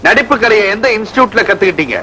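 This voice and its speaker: A man's voice: high voice, animated, racing, pushed and bright, a little hiss or hum. An actor playing a scornful rich husband who mocks his wife and her brother. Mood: mocking. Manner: sneering, contemptuous. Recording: 1980s film soundtrack with music.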